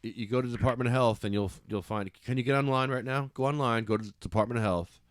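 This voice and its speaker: A podcast host on a casual call-in show talks a caller through a website, getting frustrated, flaring up, swearing and then apologizing. His voice is medium-pitched and steady, he talks fast, and the studio-quality recording is dry.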